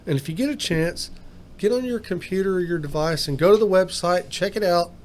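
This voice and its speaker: Friendly podcast host guy, easygoing, kinda high-pitched. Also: brisk, slight background noise. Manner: folksy, upbeat sign-off talk. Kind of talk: casual podcast chat.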